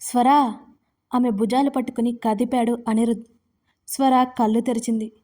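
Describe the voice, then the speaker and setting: A woman's voice: on the high side, normal speed. Woman reading a romance story. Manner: steady, expressive storybook reading.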